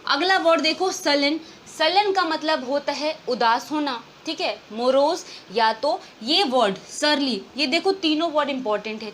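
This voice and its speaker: High-voiced woman teaching vocabulary in Hindi. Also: a bit bright, slight background noise. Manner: explains in Hindi mixed with English, often asks and answers her own questions. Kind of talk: exam-prep vocabulary lesson.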